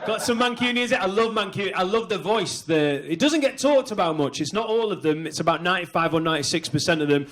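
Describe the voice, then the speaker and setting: A man's voice: high voice, fast, few pauses, fairly bright tone. A man doing a conversational, sweary stand-up routine at a live comedy venue. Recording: very noisy live venue recording.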